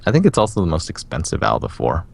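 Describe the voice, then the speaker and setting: With an extremely low voice full of vocal fry and wildly swooping pitch, this podcast co-host races through his words. He's rambling enthusiastically on a casual video game show, frequently breaking into laughter mid-sentence.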